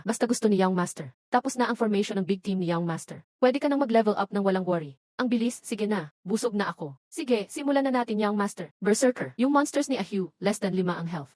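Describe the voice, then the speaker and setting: A woman's voice: medium pitch, darkish tone, no room sound. A woman reading all the roles of a dubbed short drama in one voice.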